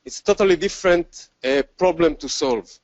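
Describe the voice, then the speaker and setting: Male conference presenter, Israeli accent, loose and filler-heavy delivery, slightly raised pitch, flat lo-fi capture. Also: brisk, dry recording. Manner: self-deprecating, many fillers and restarts. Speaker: conference speaker. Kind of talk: technical conference talk.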